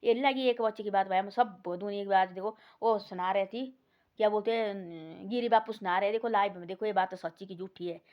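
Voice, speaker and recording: A woman's voice: medium pitch, brisk. Rambling folksy woman storyteller, lo-fi. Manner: rambling, repetitive, folksy retelling with many restarts. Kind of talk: casual moral storytelling. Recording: dull lo-fi recording.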